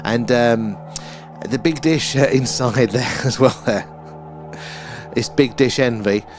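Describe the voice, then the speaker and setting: A man's voice: medium pitch, takes it slowly, soft background music. A man with an Essex accent hosting a live stream, explaining and chatting to viewers in a rambling, conversational way.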